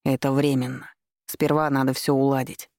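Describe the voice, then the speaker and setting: A woman doing a soft-spoken pleading husband. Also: extremely low pitch, little pitch movement, moderate pace, no room sound, studio quality. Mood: placating. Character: adult man, husband, calm and pleading.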